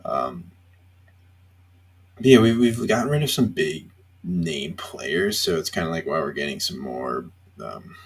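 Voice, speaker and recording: A tired man hosting a casual solo reaction show, rambling with lots of fillers and pauses between thoughts. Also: rumbling low, expressive, breathy edge. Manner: rambling, hesitant, many fillers. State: tired, yawning. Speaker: reality TV reaction host.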